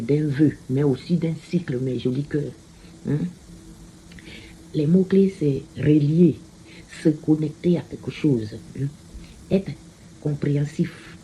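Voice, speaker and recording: A woman giving a casual card reading, slow and repetitive, often tagging her phrases with a questioning "hein?". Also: deep voice, mellow, slight background noise. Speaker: card reader.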